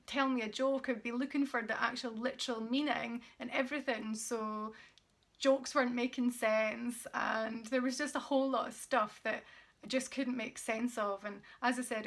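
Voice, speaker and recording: Woman vlogger, fairly high and crisp-toned, earnest, chatty with fillers. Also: fairly bright tone. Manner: earnest and encouraging, many fillers. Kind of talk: casual talk to camera.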